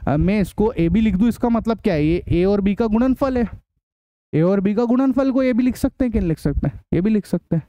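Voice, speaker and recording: Male teacher, high mellow voice, dry close sound, repetitive quizzing. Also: no room sound, muffled recording. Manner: repetitive, quizzing questions to students. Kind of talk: classroom science lesson.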